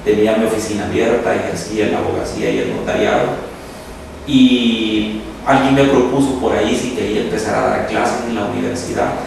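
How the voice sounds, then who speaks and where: A middle-aged man with a Salvadoran accent, a law professor answering interview questions in a measured, methodical way. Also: on the low side, lively intonation, vocal fry. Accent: Salvadoran Spanish. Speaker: law professor and university official, interview guest. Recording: echoey room, distant mic, background noise.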